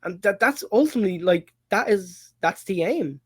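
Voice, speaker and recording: An Irish man co-hosting a relaxed football chat, his voice sitting a little high for a man. He gets worked up fast, swears freely and laughs often, tripping over his own restarts. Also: slightly rough. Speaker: podcast co-host.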